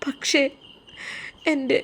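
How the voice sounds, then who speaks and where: Gentle young wife, earnest and teary, lilt, played by a woman narrator. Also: drawn-out words. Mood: earnest, tearful. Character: loving young daughter-in-law, gentle and emotional.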